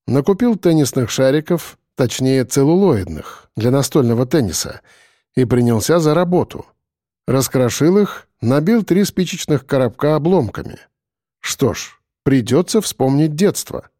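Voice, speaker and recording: A man reading a first-person story aloud in a wry, expressive way. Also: medium pitch, normal speed, no room sound, clean studio sound. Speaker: audiobook narrator. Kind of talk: first-person scripted narration.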